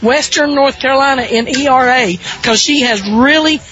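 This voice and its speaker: A woman with a Southern American accent and a weak voice, giving folksy, conversational pregame softball commentary as a sports broadcaster. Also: sits high, moderate pace. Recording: dull lo-fi radio broadcast sound.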